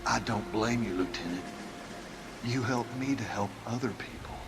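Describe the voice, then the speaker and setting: A man playing a disturbed war veteran who speaks softly and with eerie calm in a video game. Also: lowish voice, normal speed, close to an everyday voice. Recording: game audio with loud background noise.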